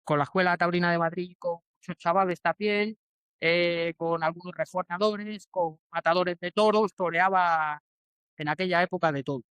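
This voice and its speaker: Spanish man in his forties, smooth and halting. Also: high voice, fairly even intonation, a bit bright, dry recording. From Spain. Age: 40s. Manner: hesitant, many restarts and fillers. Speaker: bullfighter guest. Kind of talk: casual interview answers.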